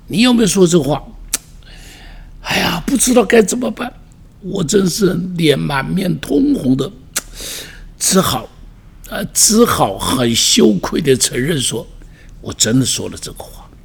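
Gravelly, lively male pastor telling stories. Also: a little high. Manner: animated storytelling with self-mocking asides. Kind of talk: storytelling devotional talk.

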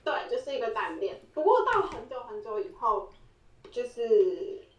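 A woman's voice: fairly high pitch, very animated, moderate pace, recorded from a distance. A woman, co-hosting a podcast and telling a story in casual chat. She laughs often and acts out the quoted lines. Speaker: podcast co-host. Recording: roomy echo, voice set back from the mic.

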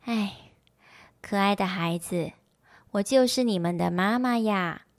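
A woman's voice: mid-range voice, unhurried, no echo, clean studio sound, natural voice. A woman voicing a loving, reassuring mother frog in a children's story. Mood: tender.

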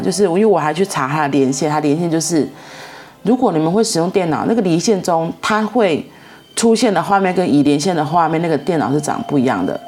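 A woman's voice: deep voice, a little mellow. A middle-aged woman, telling a story in a casual, rambling way and repeating herself as she goes. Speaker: vlogger.

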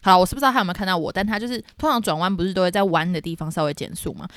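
A young woman, co-hosting a podcast and telling a story in a dramatic, animated way. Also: lowish voice, rapid-fire, no echo, studio quality. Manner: animated, dramatic retelling with shouted quotes. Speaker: podcast co-host. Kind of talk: casual storytelling chat.

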